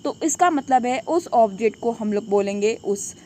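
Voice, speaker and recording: A woman's voice: a little high, expressive, normal speed, a little mellow, a little hiss or hum. A woman teaching English grammar in a classroom style, asking questions and answering them herself. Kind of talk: classroom lesson.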